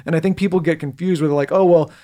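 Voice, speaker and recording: A man's voice: fairly high pitch, steady tone, dark tone. A young man co-hosting a casual podcast, talking bluntly with plenty of swearing and run-on sentences. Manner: blunt, profane, rapid run-on talk. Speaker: podcast co-host.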